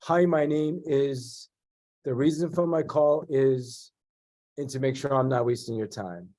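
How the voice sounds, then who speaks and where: Speaking at a measured pace in a mid-range voice, a middle-aged sales trainer and real estate agent chats as an interview guest. A cold has left him sounding stuffed up, and his energetic, direct answers are full of restarts.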